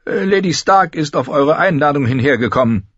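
A man's voice: a little high, animated, moderate pace, a bit bright, dry recording, dull audio, pitched above the performer's own voice. A man voicing a courteous knight, a lord's grown son, in an audiobook reading. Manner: courteous, reproachful.

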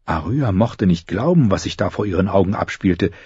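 A man narrating a fantasy audiobook in a measured, expressive storytelling manner. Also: deep voice, slightly rough, no echo, dull audio.

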